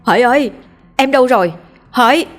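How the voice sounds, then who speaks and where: A woman's voice: medium pitch, moderate pace, faint music behind, lightly acted. A young husband calls out urgently in a raised, strained voice, as a woman narrator reads his part. He sounds shaken and pressing. It is a spoken ghost story for listeners. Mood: calling anxiously. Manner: urgent calling. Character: young husband, anxious then stunned, man.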